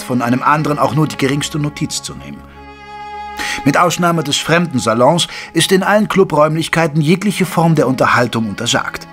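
Measured storyteller Doctor Watson, music behind. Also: male voice, fairly high pitch, a bit bright. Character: gentleman doctor recounting his detective friend's cases. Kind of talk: scripted first-person radio play narration.

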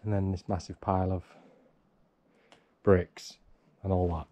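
A homesteader vlogger in his thirties films himself on a handheld action camera as he strips out a half-demolished wooden barn, keeping up a chatty, wry commentary to himself while he works. His voice is deep and mellow, with a flat delivery and a slightly slow pace. The recording has no echo.

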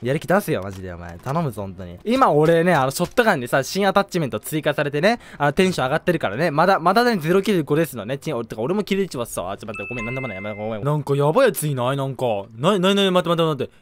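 A young man giving casual, rambling commentary over his own gameplay, often excitable and given to bursts of shouting and laughter. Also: on the high side, rapid-fire, hardly any pauses, a little hiss or hum. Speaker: gaming video creator.

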